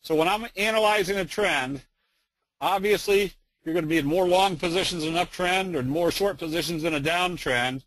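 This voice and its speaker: A man's voice: high-pitched, normal speed, fairly bright tone, no room sound, poor audio. A man giving a casual, joking trading lesson in a webinar, full of fillers. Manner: folksy, joking, many fillers. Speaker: trading instructor.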